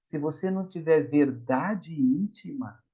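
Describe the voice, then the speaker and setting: A man's voice: fairly high pitch, a little slow, slightly rough. A middle-aged man with a Brazilian Portuguese accent giving a spiritist lecture, telling stories and acting out the voices in them. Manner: animated storytelling, acts out quoted voices. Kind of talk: public lecture on the gospel. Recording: dull lo-fi recording.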